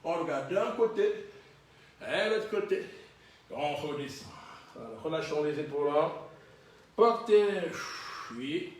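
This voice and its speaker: A man leading a Pilates class, counting reps and giving calm encouraging cues. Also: a little high, unhurried, long pauses, recorded from a distance. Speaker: Pilates instructor. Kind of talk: guiding a fitness class. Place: fitness studio, indoors. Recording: very echoey gym room from afar.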